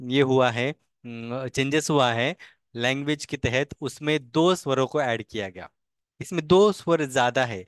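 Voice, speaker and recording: A man's voice: medium pitch, clear, resonant tone, no room sound, clean studio sound. A man teaching a beginner language class, patiently repeating each vowel sound and key point. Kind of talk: online language lesson.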